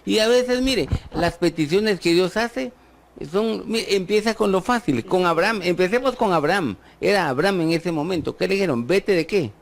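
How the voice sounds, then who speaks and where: A man's voice: high voice, normal speed, vocal fry. A man with a Guatemalan accent preaching a sermon, asking his listeners rhetorical questions and joking with them. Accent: Guatemalan Spanish. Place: church.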